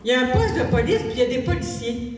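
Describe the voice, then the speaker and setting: High lively older Québécois woman on stage. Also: fast talker. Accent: Québécois French. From Quebec. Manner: animated, swooping into high exclaims. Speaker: amateur stand-up comic. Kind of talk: storytelling stand-up. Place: large theatre stage. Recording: echoey hall, far mic.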